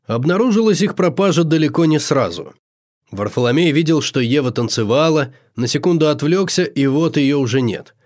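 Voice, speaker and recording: Male audiobook narrator, measured and expressive. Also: fairly high pitch. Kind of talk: scripted narration.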